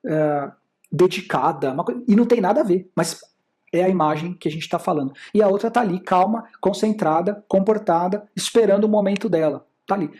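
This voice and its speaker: With a Brazilian Portuguese accent and a medium, slightly mellow voice at a fairly quick clip, an instructor in communication and sales presents a slide lecture. Rhetorical questions come up, and the speaker answers each one while explaining.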